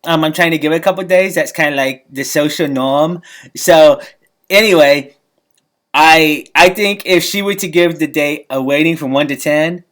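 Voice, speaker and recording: A man's voice: a little high, moderate pace, fairly bright tone. Awkward guy rambling thru a funny story, stumbles and repeats himself, giggles a lot. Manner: giggly, chuckles often between phrases. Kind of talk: comedic storytelling to camera.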